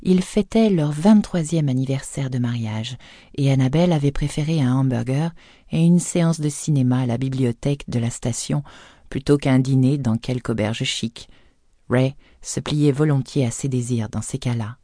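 A woman narrating an audiobook in a measured, even storytelling manner, recorded close on a studio microphone. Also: a bass voice, no room sound.

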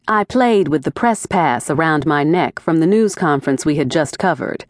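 A woman narrating a first-person mystery audiobook in a wry, animated storytelling manner, recorded in a studio. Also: low voice, moderate pace, no room sound. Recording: dry, close studio recording.

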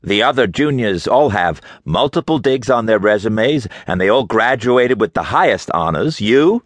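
A man's voice: on the low side, expressive, measured pace, a bit bright, dry recording, voice pushed up, exaggerated voice. A man voicing a haughty, contemptuous middle-aged archaeologist with a nasal New England accent.

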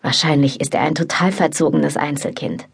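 A woman narrating an erotic novel in the first person, in calm, intimate storytelling. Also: deep voice, moderate pace, gravelly, husky. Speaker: audiobook narrator.

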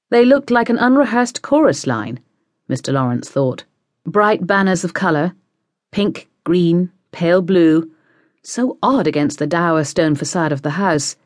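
A woman narrating an unabridged novel in measured, even storytelling. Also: fairly low pitch, dry recording, studio quality. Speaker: audiobook narrator. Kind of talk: scripted audiobook narration. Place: recording studio. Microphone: close studio mic.

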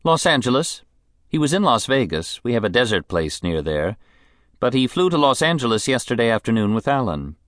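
A man's voice: mid-range voice, big pitch swings, fairly quick, a bit bright, dry recording, clean studio sound, voice pushed up. A man voicing a bitter, mocking rich woman. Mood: brisk. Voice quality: clear, fresh, with a bitter edge. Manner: languid, mocking, contemptuous. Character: sharp-tongued bitter rich woman, middle-aged. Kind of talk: audiobook character voice.

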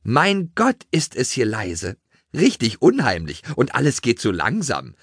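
A man voicing an excitable, restless female city mouse in a children's audiobook, shrill and hurried. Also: slightly rough, no room sound, studio quality, full character voice.

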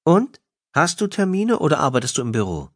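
A playful wife who needles her husband affectionately, her voice set high and lively, as a deep-voiced male reader puts her on. She swings easily between teasing and concern, in a dry, close audiobook sound. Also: brisk, no echo. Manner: playful, needling, then caring. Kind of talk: audiobook dialogue.

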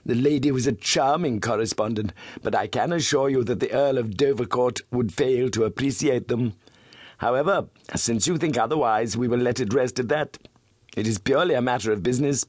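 Man reading as a silky, purring, self-satisfied villain, pitched up, for an audiobook; dry sound. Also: fairly quick, a little mellow, no echo, close to an everyday voice. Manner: smooth, suave, purring. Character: smooth, suave middle-aged male blackmailer, complacent.

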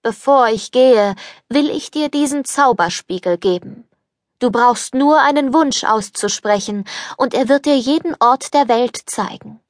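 A woman's voice: a little high, measured pace, no echo, clean studio sound, close to an everyday voice. A woman reading an audiobook, voicing an old beggar woman who turns into a stern fairy, speaking solemnly.

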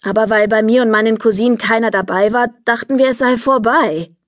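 Woman doing a bossy frazzled mother for a kids' story, quick and dramatic, dry booth sound. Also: a little high, steady tone, no room sound, lightly acted. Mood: flustered. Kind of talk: children's audiobook reading.

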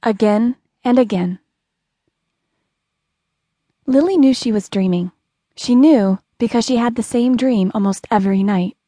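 A woman narrates a novel in a measured, dramatic storytelling manner. Her voice sits fairly high for a woman. The recording is close-miked and dry, with no room echo. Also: warm tone. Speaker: audiobook narrator. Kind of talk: scripted audiobook narration.

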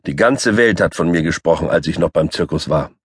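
A man's voice: deep voice, lively intonation, a little fast, breathy edge, no room sound, studio quality. A man narrating a children's audiobook as a boastful, grumpy three-legged tomcat. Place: recording studio. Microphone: close studio mic.

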